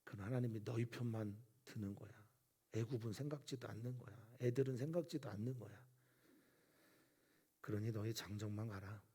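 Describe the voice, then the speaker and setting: A man's voice: lowish voice, normal speed, mellow, husky. A man preaching who voices a scornful, stubborn king in a taunting, dismissive way. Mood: mocking.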